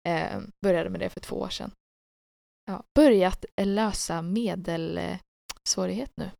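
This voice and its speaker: A woman from co-hosting a podcast in casual chat, ironic and lively when telling stories. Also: lowish voice, vocal fry, no room sound, clean studio sound. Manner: playful, ironic, animated storytelling. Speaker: podcast co-host.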